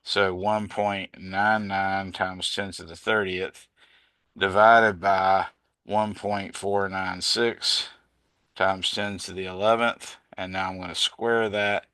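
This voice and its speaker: A male physics tutor with a bright, forward voice that sits a little low, recorded close and dry with no room sound. He talks through calculations slowly and methodically, reading out every number and unit and fixing his own slips along the way. He sounds tired, with the occasional yawn. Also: flat delivery, smooth, dry recording. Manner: slow, methodical, reads out numbers step by step, self-correcting. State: tired, yawning. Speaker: physics teacher. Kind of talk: working through problems aloud.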